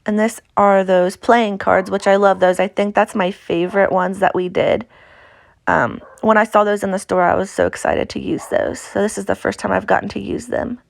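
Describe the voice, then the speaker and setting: A woman's voice: mid-range voice, moderate pace, gravelly, no echo, studio quality. A woman with an Appalachian accent talks through a craft tutorial in a casual, chatty, informal way. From Appalachia, United States. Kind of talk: casual instructional craft voice-over.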